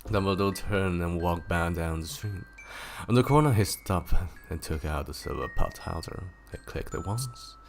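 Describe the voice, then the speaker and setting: A male streamer reads a novel aloud on a livestream in a very low, gravelly voice. His pitch moves freely across a wide range, and he breaks off to laugh and joke with his chat. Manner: laughs easily and jokes with chat. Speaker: streamer and storyteller.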